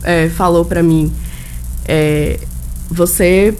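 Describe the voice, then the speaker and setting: A woman from Salvador, a lawyer and law professor speaking as a radio guest in an articulate, measured way with formal wording. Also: on the low side, steady tone, darkish tone, a little hiss or hum. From Salvador, Bahia, Brazil. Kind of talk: radio interview.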